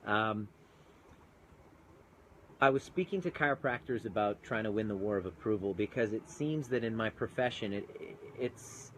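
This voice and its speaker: Streaming live from his phone outdoors with mountains behind him, a Canadian man who went from chiropractor to coach chats earnestly, greeting viewers in the middle of his thoughts. His lowish voice is lively in intonation at a normal speed. The audio is poor, with a little hiss or hum.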